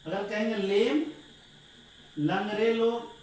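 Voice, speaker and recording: Guy teaching grammar, kinda high voice, quizzes the class then answers himself, really echoey room. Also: fairly even intonation, slow pace, a little mellow. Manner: asks the class questions and answers them himself, calls listeners "dear". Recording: very echoey room, voice far from the mic, faint noise.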